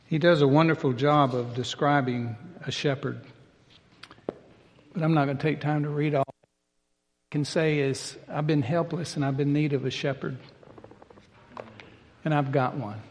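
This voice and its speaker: A man's voice: on the high side, steady tone, normal speed, pauses often, big-room sound. An older man preaching a sermon as pastor, in a folksy, conversational way with plain everyday talk.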